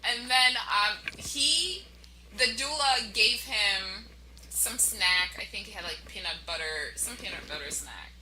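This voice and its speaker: A young woman hosting a podcast, telling her story and giving tips to listeners in a chatty, lively way. Her voice is very bright and sits at a middle pitch. A faint hiss runs under the recording. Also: a little slow, low-quality recording. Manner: chatty, animated, addresses listeners directly. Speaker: podcast host. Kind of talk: casual storytelling advice.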